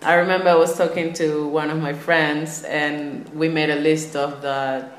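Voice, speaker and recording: A young woman from Lima, Peru, guests on a podcast as a traveler, casually telling personal stories. Her voice is low and level at a normal speed, and the room is echoey with faint ambient noise.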